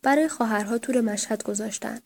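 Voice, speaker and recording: A woman reading an audiobook gives the lines of an affectionate, teasing young husband and father in a gentle, playful voice close to her own. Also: a little high, vocal fry, slight background noise. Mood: teasing fondly. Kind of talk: audiobook narration.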